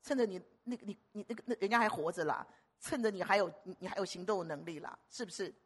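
A woman preacher giving a lively sermon, telling stories and asking the congregation rhetorical questions. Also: medium pitch, fast, slightly rough.

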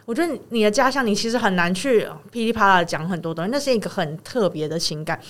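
A quick-talking young woman, chatting casually on a podcast. She retells an encounter with lively energy and slips into the voices of the people in her story, keeping a steady middle pitch. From Taiwan. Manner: animated retelling, acts out quoted dialogue. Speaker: podcast co-host.

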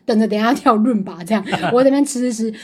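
A woman's voice: on the high side, racing, a little mellow, slightly rough. A young woman co-hosting a podcast, telling a story in a casual chat, swearing freely and acting out her own angry thoughts. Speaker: podcast co-host.

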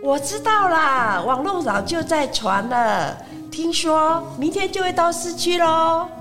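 A woman's voice: very high-pitched, expressive, a little slow, over music, pitched above the performer's own voice. A woman playing a lazy, phone-loving young boy with a drawling, offhand voice. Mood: casual.

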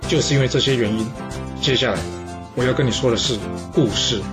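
A man narrating a story for a podcast in a lively way, with rhetorical questions and drawn-out particles. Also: mid-range voice, over music.

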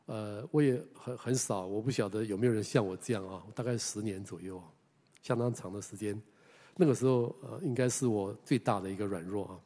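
Older Taiwanese pastor preaching in a reverberant hall. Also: male voice, lowish voice, fairly quick. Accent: Taiwanese Mandarin. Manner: warm conversational telling, trailing 啊 particles, hesitant fillers. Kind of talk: storytelling sermon.

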